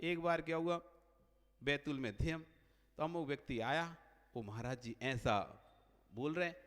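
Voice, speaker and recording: High-voiced monk telling a sermon story. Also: male voice, unhurried. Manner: animated storyteller acting out dialogue. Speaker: Jain monk preacher. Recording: long hall reverb.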